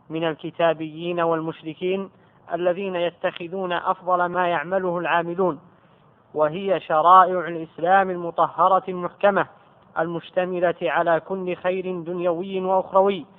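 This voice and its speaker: A man reading a scholarly text aloud to his teacher in a measured, careful recitation. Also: high-pitched, flat delivery. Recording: tinny phone-like lo-fi recording.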